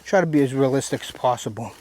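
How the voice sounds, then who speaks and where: Man demonstrating outdoors, tractor rumbling behind. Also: quick pace, dark tone. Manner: folksy, talks while working with his hands. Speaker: hunting how-to presenter. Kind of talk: casual step-by-step outdoor demonstration. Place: outdoors in the woods. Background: tractor rumbling nearby.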